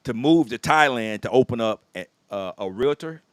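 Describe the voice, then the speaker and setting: A man hosts a relaxed conversation in an easygoing, affirming manner. His voice sits at an average pitch. The sound is dry, with no room echo. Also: moderate pace, smooth. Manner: easygoing, affirming with frequent yeahs. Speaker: host. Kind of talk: casual chat.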